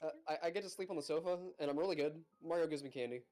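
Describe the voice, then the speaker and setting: A man's voice: on the high side, very fast, darkish tone, close to an everyday voice. A man voicing a frail, timid, simple-minded old man in a game, stammering in a childlike way. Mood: nervous.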